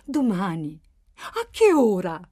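A woman voicing an anxious, childlike grown man who pleads in high, agitated bursts. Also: lively intonation, normal speed, warm tone, dry recording, clean studio sound. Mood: pleading.

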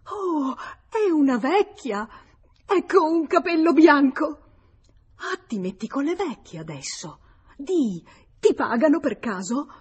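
A woman reading an audiobook gives voice to a jealous young woman, a hot-tempered lover with shrill, accusing outbursts. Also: animated, slow pace, darkish tone, slightly rough, heavily acted. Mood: furious. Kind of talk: audiobook character voice.

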